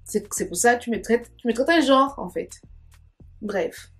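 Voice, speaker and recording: A woman's voice: a little high, normal speed, faint music behind. A young woman telling a personal story in a chatty, digressive vlog manner, with sayings and asides. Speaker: storytime vlogger. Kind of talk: casual storytime monologue.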